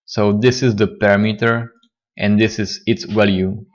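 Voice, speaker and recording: A man teaching a coding tutorial, a little hoarse and talking haltingly with fillers and restarts. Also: on the low side, flat delivery. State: slightly hoarse, losing his voice. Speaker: programming tutor. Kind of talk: screen-recorded coding tutorial.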